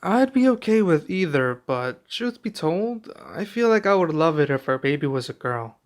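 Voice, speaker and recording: In an intimate ASMR roleplay, a man plays a young king and doting expectant father, speaking softly and affectionately with some hesitation. His fairly high voice is very animated at a moderate pace, and the mood is playful and affectionate.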